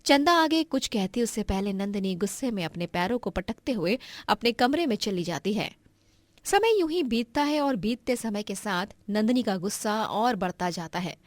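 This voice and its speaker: A woman giving scripted narration of a cartoon story in an even storytelling manner. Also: mid-range voice, normal speed, no echo.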